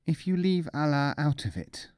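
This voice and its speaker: A man voicing a wily, self-satisfied mullah from a folk tale, speaking deliberately and matter-of-factly. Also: on the high side, expressive, a little mellow, clear, resonant tone, no room sound, clean studio sound, pitched above the performer's own voice, natural voice. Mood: exasperated.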